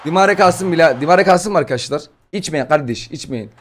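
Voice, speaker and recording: Excitable young man opening game packs. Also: fairly high pitch, quick pace, slight background noise. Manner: loud, excitable, shouting over reveals. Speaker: gaming streamer. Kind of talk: excited pack-opening commentary.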